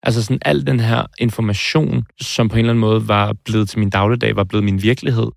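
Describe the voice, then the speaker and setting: Low gravelly man recalling hard times. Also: steady tone, dry recording, clean studio sound. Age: 20s. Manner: hesitant, pauses and restarts, searching for words. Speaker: film director interviewed about his heart surgery. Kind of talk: reflective interview.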